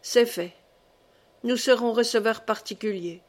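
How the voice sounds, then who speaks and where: A woman's voice: on the high side, measured pace. A woman reading the part of a pompous, sullen provincial husband with a curt, condescending manner, for an audiobook.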